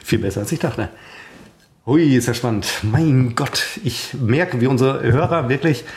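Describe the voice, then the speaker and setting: A man's voice: mid-range voice, moderate pace, a little mellow. A man co-hosting a podcast, running silly quiz games in playful banter with a mock-serious showman manner. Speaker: podcast co-host.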